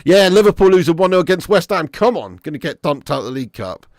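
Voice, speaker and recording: A British man doing live football watch-along commentary and chatting casually with viewers in an animated, blokey, sweary, matey way. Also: fairly high pitch, fast talker, no echo, studio quality. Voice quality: raspy, smoker's laugh.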